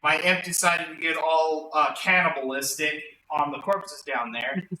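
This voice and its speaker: A man's voice: fairly high pitch, steady tone, a little slow, pushed and bright. A man casually recapping a tabletop game session for his friends, rambling and correcting himself as he goes. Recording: roomy, distant mic, faint hum.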